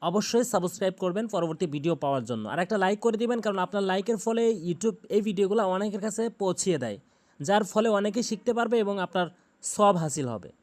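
A man teaching Quran pronunciation, chanting each word slowly and drawn out, then explaining the sounds in plain speech. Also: high voice, lively intonation. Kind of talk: tutorial on Arabic pronunciation.

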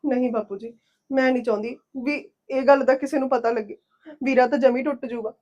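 An actress playing a young wife betrayed by her husband, tearful and pleading, sharp-tongued with him. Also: high-pitched, brisk, highs cut off, lightly acted. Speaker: wronged first wife.

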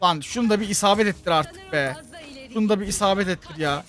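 A man with a Turkish accent talks over his mobile game, high-voiced and excitable, breaking into loud shouts at the big moments. Faint music runs behind his voice. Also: fast talker. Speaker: gaming channel host.

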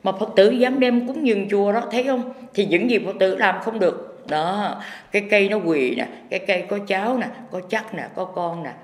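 A man's voice: high voice, a little fast. Monk guy rambling thru a sermon, lots of fillers, big hall echo. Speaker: Buddhist teacher. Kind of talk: impromptu sermon. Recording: echoey hall with long reverb.

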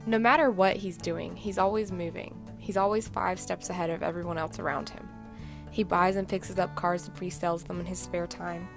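A woman's voice: on the low side, steady tone, normal speed, vocal fry, music in the background. A young woman reading a scripted, fond narration about her grandfather.

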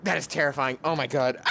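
A young man giving casual commentary while playing a game with a friend, jumpy, swinging from hushed mutters to shrieking laughter. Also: mid-range voice, slight background noise.

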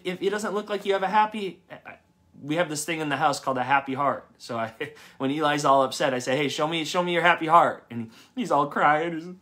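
A man in his thirties preaching a sermon in a church service, conversational and animated, acting out quoted people in lively voices. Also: a little high.

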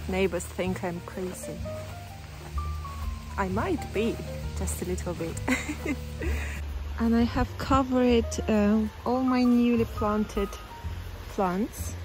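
Extremely slow with long pauses, her fairly high, animated voice plays over music in a low-quality recording. The cheerful thirty-something keeps narrating her renovation vlog casually, laughing a lot, phone at arm's length, from the lakeside hill to the empty house.

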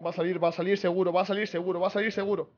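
A man's voice: sits high, flat delivery, very fast, a little mellow, dull audio. A young man talks through a horror game for his viewers. He sounds nervous and jumpy, repeating himself over and over when the scares hit. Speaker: gaming streamer. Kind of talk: casual horror gameplay commentary.

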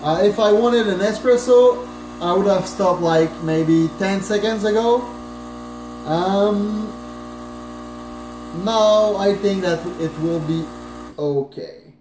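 Filmed at night by a camera sitting at a distance on his kitchen counter, a man in his thirties walks through a casual how-to while moving around. His high voice is slow with long pauses, and his chatty talk is full of fillers and restarts; the room sounds echoey with faint noise.

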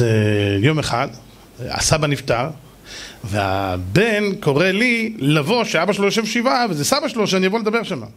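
A middle-aged man, a rabbi, telling stories in a lively sermon and acting out the people in them. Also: a little high. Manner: animated, acts out shouting voices, jokes with audience. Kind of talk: storytelling sermon.

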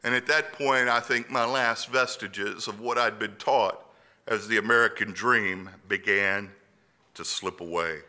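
Man, middle-aged, preacher, sermon, earnest storytelling, very bright tone. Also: medium pitch, steady tone, unhurried. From Louisiana, US.

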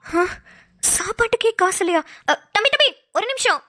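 Woman voicing a soft-hearted cartoon mother with a bright, high voice. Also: animated, moderate pace, exaggerated voice. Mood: gentle. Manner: gentle, motherly, pleading. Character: kind, tender-hearted middle-aged mother. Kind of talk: homemade cartoon voice acting.

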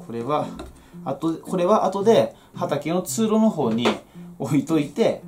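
A medium-pitched man shows how he grows vegetables at home, chatting casually and folksily while working with his hands. The how-to talk takes place in a small, cluttered indoor workroom or shed, backed by plucked guitar music.

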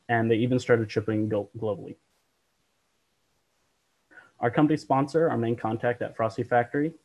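A man's voice: medium pitch, a little mellow, muffled recording. A young man, a student presenter, delivering a prepared presentation. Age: young adult.

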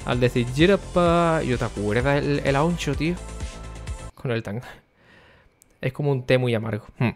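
A man's voice: medium pitch, normal speed, long pauses, faint music behind. Chatty young man streaming. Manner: chatty, talks to viewers by name; speaking quietly for the neighbours. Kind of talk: casual stream chat.

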